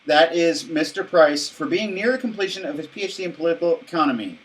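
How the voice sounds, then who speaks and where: A man's voice: fairly high pitch, lively intonation, fast, far from the mic, a crowd in the background. A man hosting a casual live stream, reading out toasts in a hesitant, stumbling way with frequent laughter. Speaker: host reading donor toasts.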